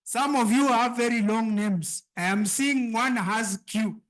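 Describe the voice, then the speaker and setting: A woman hosting a live pitch competition, exhorting the audience and repeating her instructions. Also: a little slow. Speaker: event host and emcee. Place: live event before an audience.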